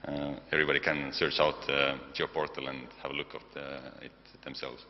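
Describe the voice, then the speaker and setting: A man from Estonia with an Estonian accent, giving a technical conference presentation in a halting, hesitant way with frequent pauses. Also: rumbling low, level tone. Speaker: conference presenter, software developer side. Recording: dull, noisy hall recording with long reverb, hum.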